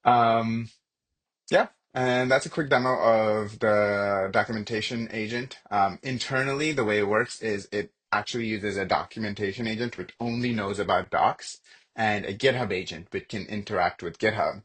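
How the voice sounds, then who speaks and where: A man with a somewhat low, husky voice walks through a software demo on his screen. His delivery is relaxed and conversational, as if he is thinking aloud while clicking through each step. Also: normal speed. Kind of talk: casual screen-share product demo.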